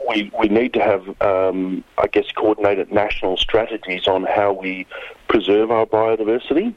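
Halting Australian man on a dull phone line. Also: on the low side, steady tone, no echo. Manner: hesitant, halting, searching for words. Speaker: museum head of science, interview guest. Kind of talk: explanatory phone interview.

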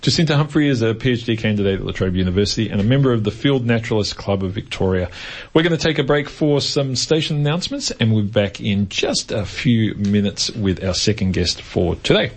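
A man's voice: on the low side, lively intonation, a little fast. An Australian man hosting a science radio show, talking in a curious, informal, conversational way in a casual interview.

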